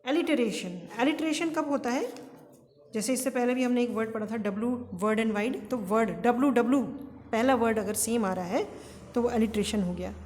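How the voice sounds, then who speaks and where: A woman's voice: a little high, moderate pace, darkish tone, big-room sound, a little hiss or hum. A woman lecturer with an Indian English accent explaining to her class in Hindi and English, asking questions and answering them herself. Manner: explains step by step, asks and answers own questions.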